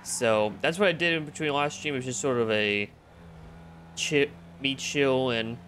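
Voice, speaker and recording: A man's voice: medium pitch, moderate pace, a bit bright, slight background noise. A young man streaming, chatting casually and rambling with lots of fillers. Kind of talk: casual chat.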